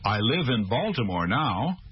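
A man playing a friendly male news reporter from Chicago, speaking clearly and at a measured pace in a scripted language-course dialogue. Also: medium pitch, very animated, exaggerated voice. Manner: clear, measured teaching delivery. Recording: muffled lo-fi studio recording.

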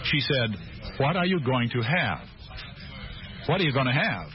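Man as a friendly reporter from Chicago, lively intonation, clear measured delivery, muffled lo-fi sound. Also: mid-range voice, close to an everyday voice. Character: friendly male news reporter. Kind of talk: scripted language-course dialogue. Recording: muffled lo-fi studio recording.

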